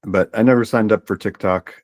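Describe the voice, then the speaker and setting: A man, probably in his thirties, co-hosting a podcast, chatting in a relaxed, wry and reflective way. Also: lowish voice, a little fast. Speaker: podcast co-host. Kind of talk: casual chat.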